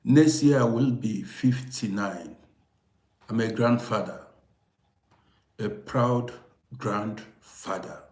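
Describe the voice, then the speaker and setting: Low-ish and darkish in tone, this man speaks slowly with long pauses. He's a fifty-eight-year-old Viennese storyteller hosting an informal livestream, emphatic with his audience and insistently repeating phrases, in an echoey room.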